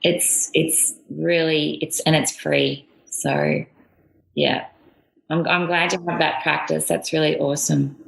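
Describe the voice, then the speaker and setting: A woman's voice: deep voice, little pitch movement, takes it slowly, creaky. A middle-aged woman with an Australian accent, a guest talking casually in a rambling way with many restarts. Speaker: guest, air force veteran. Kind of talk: casual interview chat. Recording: echoey room.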